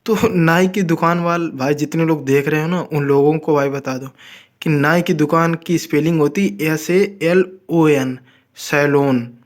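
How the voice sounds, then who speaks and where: Man, casual English tutor, fairly high voice, repeats words for practice. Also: steady tone. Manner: repeats words slowly for drilling; addresses viewers as friends, informal. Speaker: English teacher. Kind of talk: casual spoken lesson.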